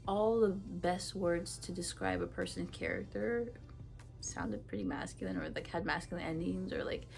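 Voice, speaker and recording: A woman's voice: lowish voice, sing-song, moderate pace, gravelly, soft background music. A woman from Ethiopia giving a casual tarot reading to camera, talking frankly in a chatty way with many fillers. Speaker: tarot reader.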